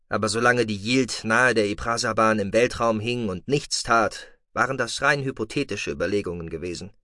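A man narrating a science-fiction audiobook in an expressive storytelling manner. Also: medium pitch, no echo, studio quality. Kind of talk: scripted narration.

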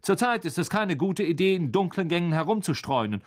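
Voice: medium pitch, huge pitch swings, slow pace, slightly rough, pitched above the performer's own voice, heavily acted. A reader voicing a stiff, pompous teenage boy prefect who speaks sternly in an audiobook. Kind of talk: audiobook reading.

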